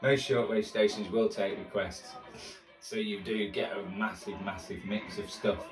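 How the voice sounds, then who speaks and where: Tuning his shortwave set as music plays from it, a hobbyist presenter chats in an unhurried, steady, lowish voice. The room sounds open, the mic is far off, and the music sits behind him.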